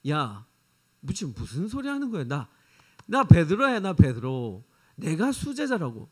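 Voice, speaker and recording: A man's voice: fairly high pitch, wildly swooping pitch, a little slow, slightly rough, exaggerated voice. A male preacher voicing a proud, jealous disciple who boasts that he is the chief one. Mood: indignant. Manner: indignant, boastful.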